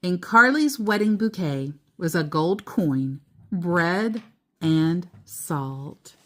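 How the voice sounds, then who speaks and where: Reading a children's book aloud, a woman storyteller moves deliberately through short phrases, pausing between them and tossing in casual asides. Her voice sits fairly low, with lively intonation and a fairly bright tone.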